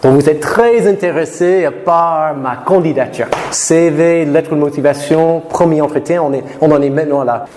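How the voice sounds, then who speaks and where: A man from Florida lecturing students in a lecture room, lively, and slowing to careful English for learners. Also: fairly high pitch. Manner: lively, switches to slow deliberate English for learners. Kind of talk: classroom talk to students. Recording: reverberant hall with faint noise.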